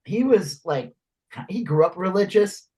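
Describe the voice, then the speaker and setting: A man co-hosting a podcast in casual chat, telling stories in an animated way, often laughing and swearing. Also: high-pitched, a little slow, slightly rough. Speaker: podcast co-host.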